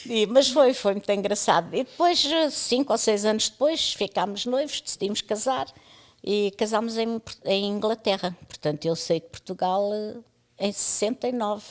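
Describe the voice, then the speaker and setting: A woman in her seventies from East Timor, a radio pioneer, tells her life story as an interview guest in a storytelling conversation, chatty and laughing often. Her voice is medium-pitched and moves at a moderate pace.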